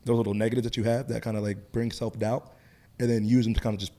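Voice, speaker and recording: Guy w a slight lisp talking quick, chatty podcast cohost telling stories. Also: fairly low pitch. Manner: talkative, animated storytelling. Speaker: podcast co-host and coach. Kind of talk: casual chat.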